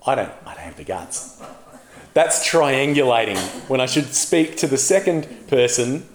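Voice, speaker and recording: A man preaching a sermon as a pastor, telling the story in a lively way and putting questions to the congregation. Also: medium pitch, reverberant.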